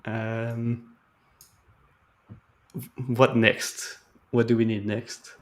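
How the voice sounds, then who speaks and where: A man's voice: medium pitch, little pitch movement, very slow. A man hosting a live stream, casually walking through code and thinking aloud in a tentative, chatty way over a video call. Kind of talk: casual coding walkthrough.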